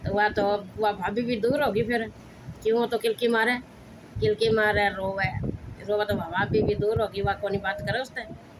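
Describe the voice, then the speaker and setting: A woman's voice: mid-range voice, little pitch movement, normal speed. Haryanvi woman telling a devotional folk tale. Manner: repetitive, rambling storytelling. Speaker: folk storyteller. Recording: clicking background noise.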